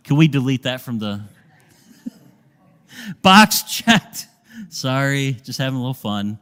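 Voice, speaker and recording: A male pastor preaching a sermon with a lively, playful delivery and occasional humorous asides. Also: mid-range voice, fairly quick, smooth, long reverb tail.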